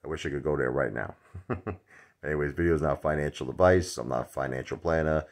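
A middle-aged Brooklyn man talks loosely into a phone held at arm's length, full of fillers and asides. His voice sits extremely low with a gravelly fry. It is a casual vlog from a dark room at home. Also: quick pace. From Brooklyn, New York. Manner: rambling, chatty, many fillers. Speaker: stock vlogger. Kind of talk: casual chat to camera.

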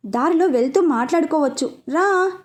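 A woman voicing a gentle, anxious older sister who talks softly and coaxingly in a storybook reading. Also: sits high, expressive, moderate pace.

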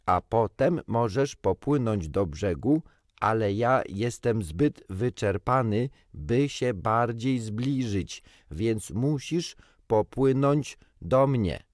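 A man voicing an exhausted, irritable bird that speaks slowly, loudly and over-clearly. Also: medium pitch, animated, dry recording, studio quality. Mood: pleading. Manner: slow, loud, overly clear.

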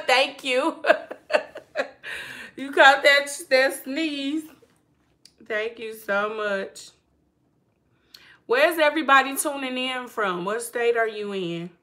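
Slow-talking woman chatting on a live stream. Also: high voice, animated, sharp tone. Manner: slow, chatty, talks to her plants and to viewers reading comments. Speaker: vlogger hosting a live stream. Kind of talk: casual live-stream chat. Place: home.

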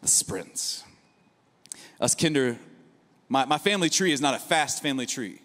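A man in his thirties, a pastor preaching a sermon from a church stage into a handheld mic, talking in an energetic, conversational way with frequent asides. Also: medium pitch, moderate pace. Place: large church auditorium stage. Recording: long hall reverb.

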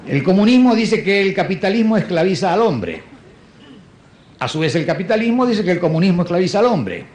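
A man performing a stand-up comedy monologue in a dry, understated deadpan manner. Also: high voice, a little fast. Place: stage before a live audience. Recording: live show with audience and faint noise.

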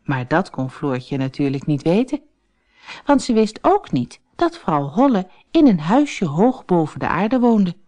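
Slow, lively woman telling a fairy tale. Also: lowish voice. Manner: clear, expressive telling for children. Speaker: storyteller. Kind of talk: scripted storybook narration.

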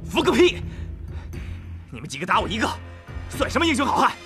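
An actor playing a hot-headed young country kung fu fighter who shouts defiance at bullies. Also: male voice, very high-pitched, huge pitch swings, fairly quick, full character voice. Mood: defiant. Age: young adult. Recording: film soundtrack with music.

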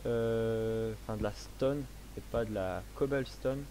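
A young man in a casual let's play, explaining his game setup slowly with many hesitations, speaking into a headset. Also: lowish voice, mellow, slight background noise. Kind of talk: casual gameplay commentary.

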